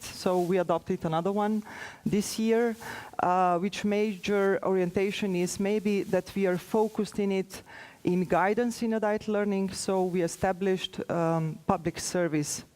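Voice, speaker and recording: With a steady tone and a medium, slightly mellow voice, a woman who is a native Slovenian speaker and has a Slovenian accent presents informally at a conference as an official. Her speech halts and hesitates, with many pauses.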